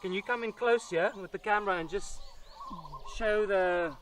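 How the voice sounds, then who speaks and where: A chatty, excitable man talks through a wildlife vlog at an outdoor sanctuary. His voice sits high for a man, and faint birdsong and outdoor ambience drift behind him. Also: normal speed, slight background noise. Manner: enthusiastic, chatty, explaining as he handles a snake. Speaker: wildlife presenter.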